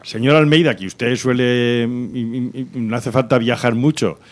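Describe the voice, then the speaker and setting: A man's voice: medium pitch, measured pace. Joking man hosting radio chat. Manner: joking, rambling, laughs often. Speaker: radio host. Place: radio studio.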